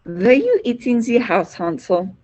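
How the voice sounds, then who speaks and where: A woman's voice: a little high, sing-song, a little slow, dark tone, muffled recording. A woman playing a matter-of-fact, innocent little girl in a comic school stage play, with a dry delivery.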